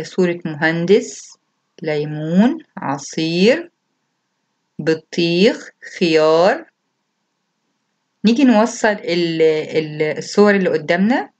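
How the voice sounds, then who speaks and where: A woman teacher with an Egyptian Arabic accent explaining a lesson for young pupils, reading out each task and then going through it patiently. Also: fairly low pitch. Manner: patient and repetitive, reads each instruction aloud, then explains it. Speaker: primary school Arabic teacher. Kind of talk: recorded classroom lesson explanation.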